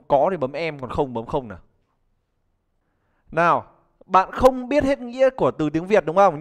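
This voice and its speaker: A chatty young man teaches a live online pronunciation lesson. His voice sits a little high for a man, and he keeps calling on students and cracking jokes as he goes. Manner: chatty, joking, calls on students to respond. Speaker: English teacher.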